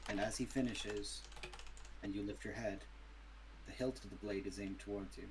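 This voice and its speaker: Guy game master narrating tabletop rpg, lowish voice, faint noise n keyboard clicks behind. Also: fairly even intonation, normal speed.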